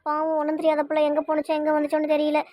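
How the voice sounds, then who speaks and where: A woman voices a worried mother in a homemade family drama, speaking at a breathless clip in a high, narrow voice. She hurls question after question. The recording is dry, with no room sound. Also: completely flat delivery, mellow, no room sound, lightly acted. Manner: rapid pleading questions, fretful. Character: anxious mother fretting over missing daughter. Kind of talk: amateur family web drama.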